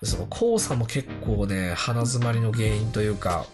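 A man's voice: lowish voice, normal speed. A man with a congested, nasal voice hosting a casual solo radio talk in a chatty, self-deprecating way. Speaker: radio show host. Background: background music.

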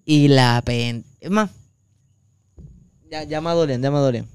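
Here a Puerto Rican co-host, with a Puerto Rican Spanish accent, tells a long, meandering podcast story thick with fillers and crude slang. He speaks unhurriedly at medium pitch, his voice clear and resonant, and there is no echo.

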